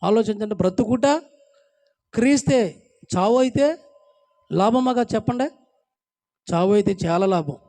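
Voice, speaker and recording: A man's voice: high-pitched, a little slow, long pauses, mellow. A male pastor with a Telugu accent, preaching a sermon in pleading, repetitive rhetorical questions.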